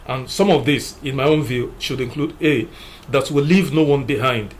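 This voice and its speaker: A man's voice: medium pitch, moderate pace, slight background noise. A man giving political commentary, emphatic, working through numbered points with frequent "you know" fillers. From Nigeria. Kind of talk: opinion commentary.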